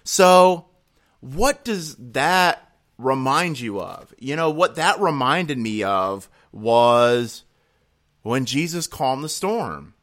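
A young man preaching a sermon, reading scripture aloud and telling his own story in an earnest way, rising loud on key points and dropping low and slow. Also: animated.

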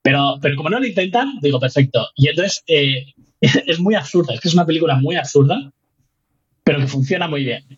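A man's voice: on the high side, lively intonation, fairly quick, husky, muffled recording. A man from Spain with a Spanish accent, a guest chatting animatedly in an interview, laughing often and restarting his sentences. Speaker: guest researcher. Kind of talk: casual interview chat.

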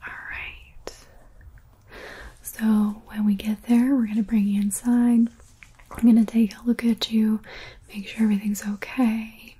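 A young woman whispering softly and reassuringly, in a whispered medical roleplay as a paramedic. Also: fairly high pitch, little pitch movement, measured pace, long pauses, husky.

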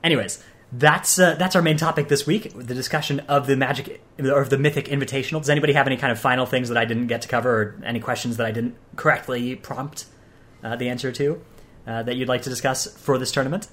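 A man's voice: medium pitch, fairly even intonation, quick pace, a bit bright. A man hosting a podcast, chatting casually with lots of hesitations and fillers. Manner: rambling, hesitant with many fillers. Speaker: podcast host.

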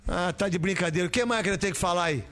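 Male Brazilian chat host, high voice, casual and opinionated, blunt ranting delivery with repeated phrases. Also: very fast, fairly bright tone.

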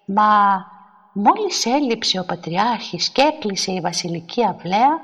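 A woman narrating a literary story in a measured, expressive reading. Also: mid-range voice, husky. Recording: long hall reverb.

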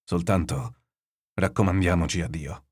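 A gruff, stern old fisherman grandfather, as a narrator puts him on, barking orders in a deep, low voice. He is pious and commanding, sounding from the pages of a classic novel read aloud as a storybook. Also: a little slow, darkish tone. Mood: urgent commands.

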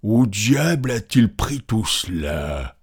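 A man's voice: fairly low pitch, very animated, slow pace, exaggerated voice. A man voicing a greedy, envious male peasant in a storybook reading. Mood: suspicious. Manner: gruff, then hawking loudly.

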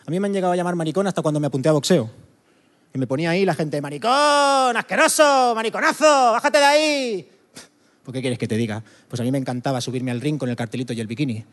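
A man's voice: mid-range voice, darkish tone, big-room sound. Punchy Spanish stand-up comedian man. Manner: punchy, chatty, quick asides. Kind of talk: stand-up monologue.

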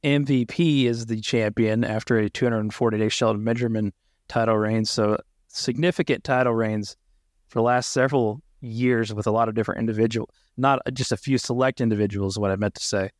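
A man's voice: on the low side, steady tone, a little fast, no echo, studio quality. A man co-hosting a wrestling podcast, enthusiastic, reading out title history in casual chat. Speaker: podcast co-host.

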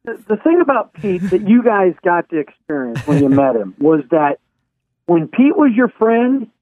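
A man hosting a radio show, telling stories in a relaxed, casual way. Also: sits high, moderate pace, no room sound. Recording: phone-like radio sound.

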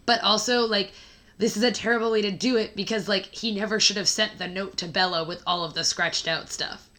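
A woman podcast co-host with a hoarse, scratchy smoker's rasp, chatting casually and wryly about a book. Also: medium pitch, steady tone, brisk, sharp tone. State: hoarse after flu.

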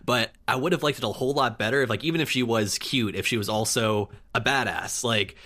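A man's voice: mid-range voice, fairly quick, sharp tone. Easygoing man using lots of "like". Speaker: podcast co-host. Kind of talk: casual chat reviewing an anime.

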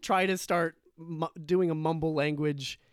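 A man's voice: a little high, steady tone, a little slow, clean tone, no echo, clean studio sound. A man co-hosting a podcast in casual chat, explaining things and thinking aloud with restarts. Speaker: podcast co-host.

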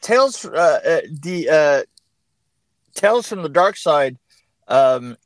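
A man's voice: fairly high pitch, sing-song, takes it slowly, no room sound. A man telling rambling behind-the-scenes stories as an interview guest, with many restarts and bursts of laughter. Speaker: production designer guest. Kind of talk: casual interview chat.

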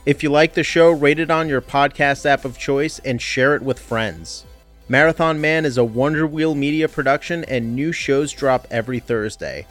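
A man's voice: mid-range voice, normal speed, a bit bright, faint music behind. A man recording a casual podcast update from under a blanket, chatty and self-deprecating. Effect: recorded under a blanket, muffled and dry. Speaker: podcast host. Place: under a blanket at home during a heat wave.

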